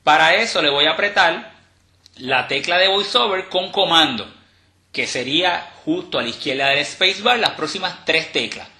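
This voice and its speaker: A man teaching a step-by-step tutorial in a relaxed, explanatory way, with fillers and restarts. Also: on the high side, normal speed. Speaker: instructor demonstrating a screen reader. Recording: roomy echo.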